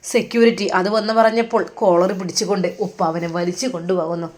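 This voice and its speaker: A woman's voice: fairly low pitch, fast talker, darkish tone. A woman with a Malappuram Malayalam accent narrating an Islamic family story and voicing all of its characters herself. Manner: voices every character herself, shifting between narration and dialogue.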